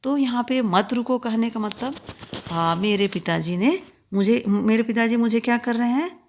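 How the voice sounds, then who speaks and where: A woman teacher with an Indian accent, explaining English grammar, reading each example sentence slowly before explaining it. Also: a little high, expressive, a little hiss or hum. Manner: reads English examples slowly and clearly, then explains in quick Hindi.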